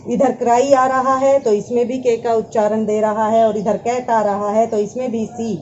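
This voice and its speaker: A woman's voice: a little high, fairly even intonation, moderate pace, darkish tone, lo-fi sound, a little hiss or hum. A woman teaching English pronunciation, patiently addressing her students and repeating each word. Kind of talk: classroom lesson explaining pronunciation.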